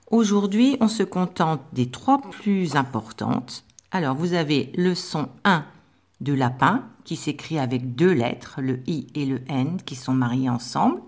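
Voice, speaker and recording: A woman teacher giving a slow, patient dictation lesson to young pupils, spelling out sounds with careful articulation. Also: low voice. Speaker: primary school teacher.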